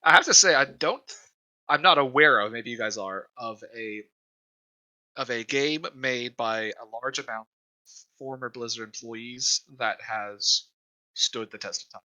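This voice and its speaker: A man's voice: medium pitch, a little slow, pushed and bright, low-quality recording. A man co-hosting a casual podcast, giving opinions in a wry, argumentative way. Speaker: podcast co-host.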